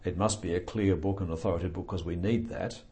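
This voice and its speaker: An older man speaks in a very deep, mellow voice, answering interview questions at a measured, reflective pace. He pauses often with fillers and slips in dry, understated humor. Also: steady tone. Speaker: author being interviewed.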